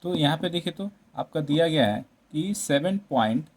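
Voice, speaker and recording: Man, maths teacher, slightly high-pitched, repetitive, checks in with the class often, mixes English numbers into his Hindi. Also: animated, normal speed, a little mellow. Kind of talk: classroom-style maths lesson.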